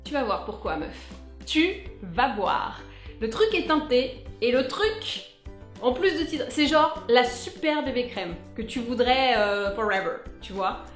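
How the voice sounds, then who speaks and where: A woman's voice: on the high side, very animated, a little slow, echoey room, soft background music. A young woman chatting through a casual beauty product review, playful and talkative, breaking into little sung asides. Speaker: beauty vlogger.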